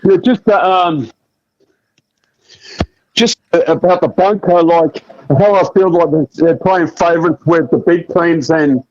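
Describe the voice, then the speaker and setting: A man's voice: a little high, a little slow, a little mellow, no echo. A man phoning in to a talk show, speaking hesitantly with lots of fillers, his voice muffled as if he were inside a fishbowl. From Australia. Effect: muffled phone line, like inside a fishbowl. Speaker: caller. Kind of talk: casual call-in chat. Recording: dull muffled phone line.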